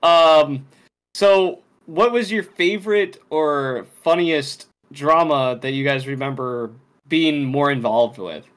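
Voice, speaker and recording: A man's voice: on the high side, slow, fairly bright tone, clean tone. A man co-hosting a casual podcast chat in loose, slangy talk. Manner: slangy, says dude often. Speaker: podcast co-host.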